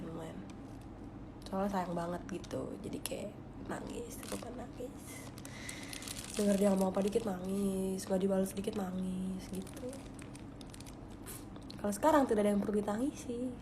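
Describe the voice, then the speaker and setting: A woman's voice: mid-range voice, background noise. A young woman, chatting casually on a phone livestream in a confiding way that often drops to a whisper. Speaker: livestream host.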